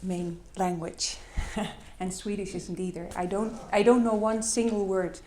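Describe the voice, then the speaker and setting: In an echoey hall with slight background noise, a middle-aged Dutch-accented woman gives a conference presentation with slides in a language that isn't her first. Her medium-pitched voice is warm and steady, a little slow, and she hesitates often, using many fillers.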